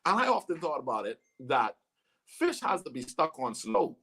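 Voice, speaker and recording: A man from the Bahamas hosts a livestream interview with a slightly husky voice. He tells stories with animated energy and calls out to the viewers watching. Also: mid-range voice, moderate pace. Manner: animated storyteller, talks to viewers. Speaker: host.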